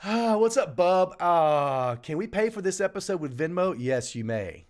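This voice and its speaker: Man, live-stream host, lively swooping voice, slightly high pitch, jokey and chatty. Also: normal speed. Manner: animated, jokey, shouting out names. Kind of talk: casual live-stream chat greeting viewers. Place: small home studio.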